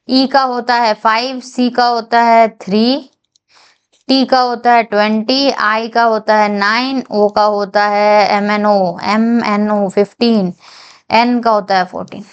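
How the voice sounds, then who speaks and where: Young woman teacher, higher voice, clear and smooth, counting aloud step by step for exam prep. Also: muffled recording. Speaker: reasoning teacher.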